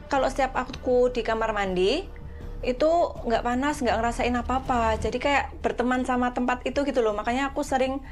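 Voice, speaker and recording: A young woman giving a casual, halting testimony about being possessed at a camp, often repeating herself as she recalls. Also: on the high side, soft background music. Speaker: interviewee recounting a camp possession.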